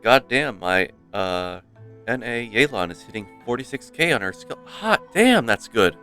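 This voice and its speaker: A man commenting casually while he streams a video game. He is playful and exclamatory, with a lowish, bright voice, and faint game music runs under him. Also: moderate pace.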